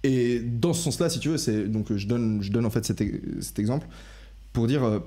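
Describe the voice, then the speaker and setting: A man's voice: mid-range voice, a little fast, warm tone. A young man hosting a casual podcast discussion, rambling through his ideas with many restarts and self-corrections. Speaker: podcast host.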